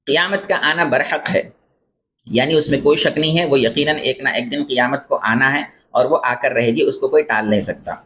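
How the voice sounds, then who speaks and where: A man's voice: medium pitch, sharp tone, a little hiss or hum. Man giving a religious lecture. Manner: explains terms and corrects pronunciation; repeats phrases for emphasis. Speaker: Islamic scholar teaching beliefs.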